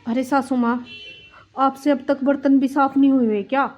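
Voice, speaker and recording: A woman doing a sharp-tongued young daughter-in-law. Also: sits high, flat delivery, moderate pace, pitched above the performer's own voice, close to an everyday voice. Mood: scolding. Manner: taunting, scolding. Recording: dull lo-fi with faint music.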